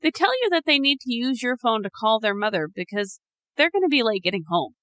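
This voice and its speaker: Narrating a spooky scenario to her friend, this woman co-hosts a podcast with lots of teasing and frequent laughter. She speaks briskly in a slightly high, fairly bright voice that swings widely in pitch, and the recording has no room sound.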